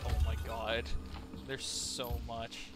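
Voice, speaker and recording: A man streaming a game, chatting casually and getting loud and excitable, swearing a lot. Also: medium pitch, slow pace, music in the background. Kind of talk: casual gaming stream chat.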